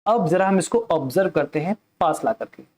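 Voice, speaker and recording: A man's voice: on the high side, animated, fairly quick, darkish tone. A male math teacher giving a classroom lecture who mixes English terms into his Hindi and keeps asking questions and then answering them himself.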